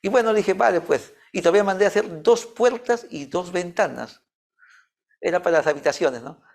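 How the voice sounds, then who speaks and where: A man's voice: sits high, expressive, brisk, vocal fry, darkish tone. A man, leading a church youth group with an informal talk and a personal story. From Peru. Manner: storytelling, acting out both sides of a dialogue.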